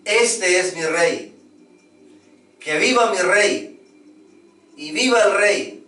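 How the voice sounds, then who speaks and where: A man voicing an eager subject who cheers for his king in slow, drawn-out calls. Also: high voice, bright, forceful tone, reverberant, recorded from a distance, heavily acted, poor audio. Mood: adoring.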